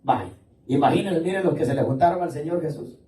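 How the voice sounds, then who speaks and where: A man's voice: a little high, expressive, fairly quick, mellow, reverberant, distant mic, slight background noise, rough recording. A man preaching a sermon to his congregation in a casual, talkative way, calling listeners "brother". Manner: colloquial preaching, addresses listeners as "hermano". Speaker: pastor. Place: church.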